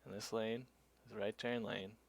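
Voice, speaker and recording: A man's voice: on the low side, little pitch movement, moderate pace, gravelly. A man narrating his own cycling footage in a loose, conversational way, with lots of fillers. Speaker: cyclist vlogger. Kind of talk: casual storytelling narration.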